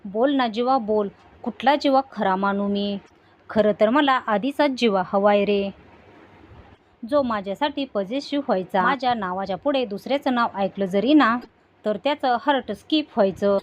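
A woman's voice: medium pitch, moderate pace, dull audio, natural voice. Woman reading as a bitter, jealous young woman. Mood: bitter taunting. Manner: bitter, taunting retelling.

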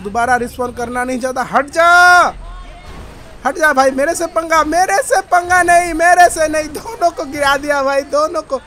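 A young man giving excited gameplay commentary, with loud, frantic outbursts and phrases repeated over and over. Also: extremely high pitch, a little hiss or hum. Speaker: gaming YouTuber.

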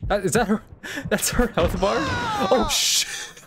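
A woman's voice: mid-range voice, normal speed, heavy background noise. A woman hosting a gaming channel, giving casual, sarcastic and bemused commentary and laughing often.

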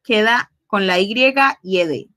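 With a mid-range, slightly bright voice on a low-quality recording, a woman gives Spanish speakers a patient English grammar lesson. She alternates between Spanish and English, elongates example words, and checks in frequently through tag questions.

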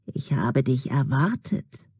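An ancient, witch-like old woman from a storybook, low, dark and mellow, dragging out every word with sinister calm as a woman narrator puts her on. Her husky voice sounds close and dry. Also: no echo, full character voice. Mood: coaxing. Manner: slow, low and drawn-out. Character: old hunched nearly toothless woman, witch-like and menacing.

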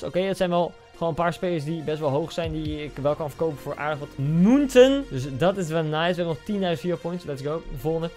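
A young man with a Dutch accent, commentating on a video game pack opening, swinging from flat muttering to loud outbursts. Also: fairly high pitch. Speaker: gaming YouTuber.

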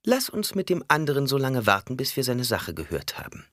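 A man's voice: mid-range voice, wildly swooping pitch, brisk, fairly bright tone, dry recording, studio quality, pitched above the performer's own voice. A man voicing a young, ruthless female ruler who talks in a haughty, defiant way.

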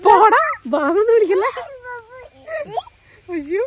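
Woman, home vlogger, high voice with lively swings, chatty and bossy, outdoors by a pond. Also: background noise. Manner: chatty, giving quick instructions. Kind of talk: casual family vlog chat.

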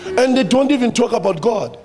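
A man's voice: extremely high pitch, animated, fairly quick, mellow. A man with a South African accent preaching a sermon, addressing the church and repeating his phrases for emphasis.

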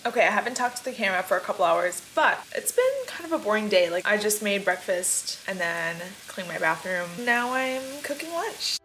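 A woman's voice: mid-range voice, animated, a little fast, a bit bright. A young woman in her twenties chatting casually in a home vlog, rambling with lots of "like" and "um.". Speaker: lifestyle vlogger. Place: home kitchen and bathroom. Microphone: on-camera mic.

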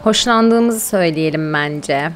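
In a low voice and at a slow pace, a woman streamer chats casually through her gameplay live-stream. She exclaims now and then, coos at her pets, and talks to her viewers.

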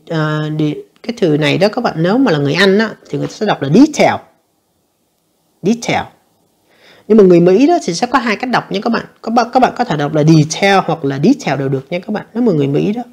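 A woman teacher, going through an English exam answer by answer and reading the English lines slowly. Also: lowish voice, lively intonation, vocal fry, a little mellow. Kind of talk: exam review lesson.

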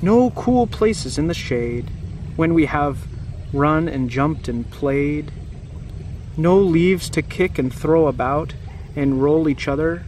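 Reading a picture book aloud outdoors, this man in his thirties speaks slowly in a high-leaning, darkish voice with lively intonation. He keeps things simple, chatting and asking the young listeners questions as he goes. The setting is a grassy, wooded yard, captured on outdoor camera audio with background noise.

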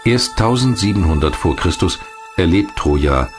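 Speaking over music, this deep-voiced male documentary narrator delivers a script factually and with measure, each sentence laid out as information. His low pitch carries lively intonation.

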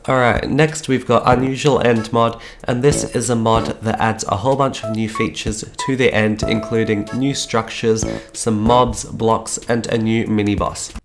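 A man's voice: fairly low pitch, fairly even intonation, moderate pace, few pauses. A man with a sick-sounding voice hosts a game mod showcase voice-over, upbeat and repeating words for emphasis. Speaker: YouTube host. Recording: guitar music behind voice. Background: guitar background music.

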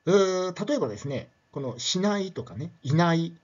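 A man's voice: on the high side, lively intonation, moderate pace, a little mellow, lo-fi sound. An older man giving a casual spoken lecture, chatty and loose, with many tag questions and fillers.

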